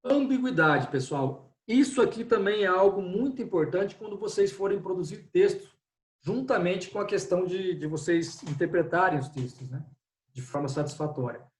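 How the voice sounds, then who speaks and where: A man's voice: high-pitched, animated, normal speed. A man teaching an online Portuguese class who explains step by step and often checks in with his students. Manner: explanatory, repeats "né?" and "pessoal". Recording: echoey room, distant from mic.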